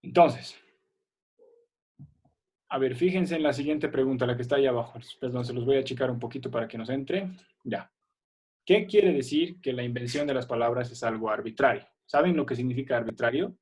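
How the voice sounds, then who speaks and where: A man's voice: mid-range voice, a little fast, a little mellow, slightly rough. A man teaching a primary school class on a video call, patient and checking that students follow. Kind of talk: online class explanation.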